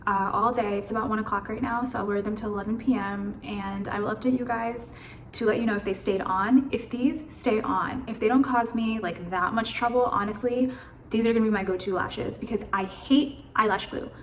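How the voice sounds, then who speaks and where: A woman's voice: medium pitch, steady tone, fairly quick, echoey room, a little hiss or hum. A woman vlogging casually on a phone camera, anxious and rambling, swearing now and then. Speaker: beauty vlogger. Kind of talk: casual chat.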